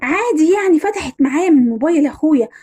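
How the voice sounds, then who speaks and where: A woman's voice: high-pitched, lively intonation, very fast, mellow. A woman with an Egyptian accent voicing a casual boy, a gamer friend on the phone.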